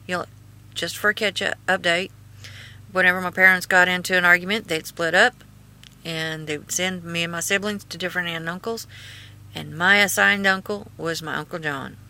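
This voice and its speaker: A woman with an Appalachian-style hillbilly twang casually reads her own writing aloud with asides, in a halting, folksy, earnest way. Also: fairly low pitch, sharp tone. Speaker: video host and author reading own memoir.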